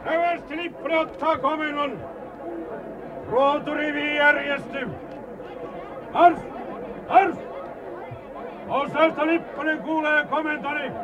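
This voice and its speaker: An actor playing a boisterous, bragging adventurer turned rebel colonel who bellows military commands, in a vintage radio drama. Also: male voice, mid-range voice, big pitch swings. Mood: bellowing commands. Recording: noisy old radio play, crowd behind.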